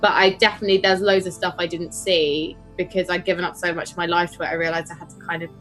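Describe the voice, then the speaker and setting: A woman's voice: lowish voice, fast, soft background music, poor audio. A woman co-hosting a gaming podcast, chatting casually, swearing and laughing. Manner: lively, swears, laughs, mimics game characters. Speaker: podcast co-host.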